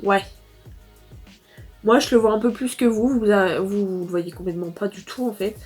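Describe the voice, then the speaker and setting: Teen girl from France, casual beauty vlogger, chatty and rambling, mid pitch, faint music under. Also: fairly even intonation, moderate pace, darkish tone, slightly rough. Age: teens. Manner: chatty, rambling with fillers and restarts. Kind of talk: casual makeup review.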